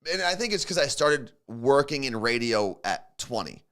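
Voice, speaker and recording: Animated man co-hosting a morning show. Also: medium pitch, normal speed. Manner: animated, laughs often. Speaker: radio show co-host. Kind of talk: casual chat.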